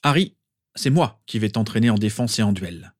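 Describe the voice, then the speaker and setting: A man's voice: on the low side, lively intonation, moderate pace, no echo, clean studio sound. A man voicing an amused, protective father in a storybook reading, with a fatherly tone.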